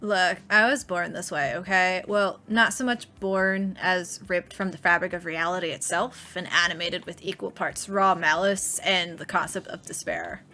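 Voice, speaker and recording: A woman's voice: fairly low pitch, steady tone, normal speed, few pauses, sharp tone. A woman voicing a cheerfully grim female eldritch horror student as she reads game dialogue on a stream. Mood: defensive.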